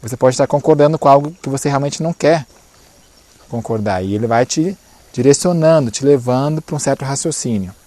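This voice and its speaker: A man's voice: medium pitch, brisk, mellow, dry recording. Man lecturing at a church conference. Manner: explanatory, checks in often with short asides. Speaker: conference speaker.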